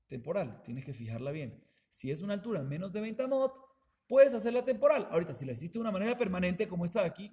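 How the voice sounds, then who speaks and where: Man, fairly high voice, rabbi's Talmud lesson, repeats himself, rhetorical questions. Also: a little mellow. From Colombia. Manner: explanatory, repeats and rephrases, asks the class rhetorical questions. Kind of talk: Talmud class explanation.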